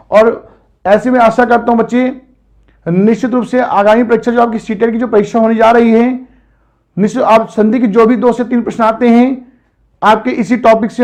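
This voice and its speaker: A man with a very high-pitched voice gives an exam-prep grammar lecture. He works through examples step by step and keeps turning to his students with questions. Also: darkish tone. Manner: explains step by step, keeps addressing students as children. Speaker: teacher.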